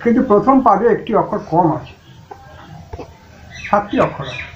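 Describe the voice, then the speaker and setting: A man with a Bengali accent teaching Sanskrit pronunciation, chanting mantras slowly and then explaining them plainly. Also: sits high, lively intonation. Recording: muffled, lo-fi recording with faint noise.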